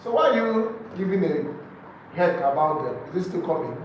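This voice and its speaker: Lo-fi audio captures a high-pitched, very animated man with a Nigerian accent speaking at normal speed during a live real estate sales training for a group. He emphasizes points, repeats key phrases, and asks rhetorical questions, recorded in an echoey room on a distant mic with faint noise.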